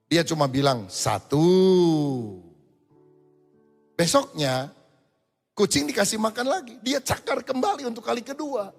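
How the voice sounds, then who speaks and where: A man preaching a sermon as a pastor, telling lively, humorous stories and acting out the voices in them. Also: extremely high pitch, brisk, creaky, breathy edge. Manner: lively storytelling, acts out voices in quotes. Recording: reverberant hall with faint music.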